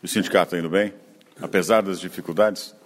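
A man's voice: low-pitched, fairly even intonation, fast talker. A man hosting a rural radio program, interviewing people on site in a conversational way. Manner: conversational, leading questions.

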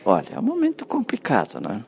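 A man's voice: high-pitched, huge pitch swings, a little fast, vocal fry, darkish tone. A man answering interview questions about a union meeting, rambling and often adding "né?". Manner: rambling, frequent "né?".

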